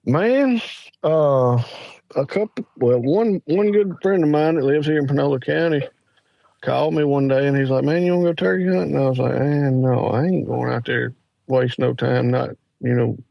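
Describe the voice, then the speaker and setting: This is a gravelly man's voice of medium pitch, speaking at a moderate pace on a dry, lo-fi recording. The speaker, guest Hunter, is in his forties and hails from Mississippi, USA. In a casual interview he spins rambling, folksy stories in a Southern accent, leaning heavily on fillers.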